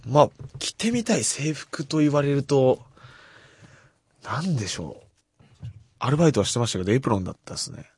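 A man hosting a casual radio show and reading out listener letters, soft-spoken and self-deprecating, his voice often trailing off quietly. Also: on the low side, breathy edge. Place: radio studio.

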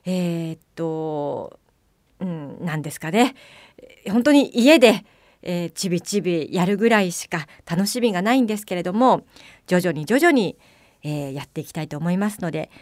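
A woman hosting a late-night radio talk show as a bar mama. She is chatty and playful, with drawn-out fillers. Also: medium pitch, no echo, studio quality.

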